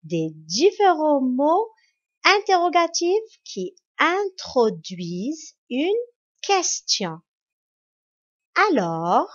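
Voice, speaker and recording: A slow, high-voiced woman from Morocco teaches primary school children a grammar lesson. Her delivery is encouraging and spelled out, captured in a dull lo-fi recording.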